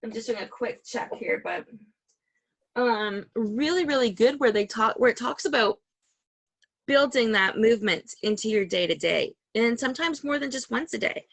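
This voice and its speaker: A woman's voice: a little high, animated, moderate pace, gravelly, dry recording. A woman hosting a podcast over a call, talking in a chatty, rambling way and laughing often. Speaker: podcast host. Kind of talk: casual interview chat. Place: home call. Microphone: video call.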